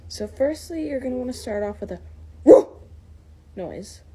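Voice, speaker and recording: A woman's voice: fairly high pitch, animated, measured pace, dark tone, breathy edge. A woman giving a casual tutorial through a mask, apologetic and self-deprecating. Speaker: tutorial maker. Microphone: speaking through a mask.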